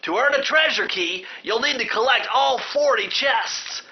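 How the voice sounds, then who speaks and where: In this video game, a brainy young cartoon turtle acts as mission guide, giving instructions in an extremely high, nasal voice with fussy, bookish precision. He's earnest, excitable and always cautious, delivering unhurried, heavily acted lines with a gravelly, breathy edge and an instructive mood. The game audio is dull, muffled and lo-fi.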